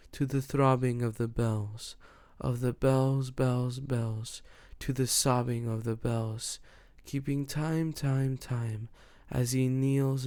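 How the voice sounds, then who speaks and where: A man giving a slow, measured, rhythmic dramatic reading of poetry as an audiobook narrator. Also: medium pitch, dark tone, no echo. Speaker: audiobook reader.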